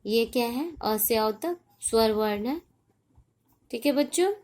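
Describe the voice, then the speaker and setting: A patient woman teacher from India speaks in a fairly high voice. She explains each point very slowly and deliberately, repeating herself and checking again and again that her young pupils follow. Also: expressive, a little mellow. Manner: slow, deliberate explaining with frequent checks for understanding. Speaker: primary school teacher. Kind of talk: recorded online class lesson.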